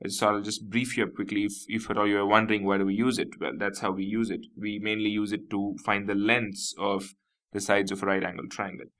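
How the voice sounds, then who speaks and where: Here a man with an Indian English accent walks through a math lesson one step at a time, repeating key terms and leaning on "nothing but" and "you know." He has a lowish, level voice, fairly quick and a bit bright.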